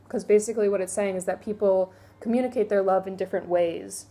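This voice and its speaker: Young woman, casual vlog book review, mid-pitched, candid and chatty with frequent fillers.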